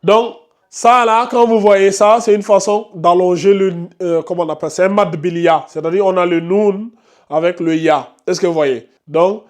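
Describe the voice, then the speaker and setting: Recitation teacher, patient, questioning pupils one by one, mid-pitched voice. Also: normal speed. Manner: patient, repeatedly questions and corrects students by name. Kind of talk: class lesson with students.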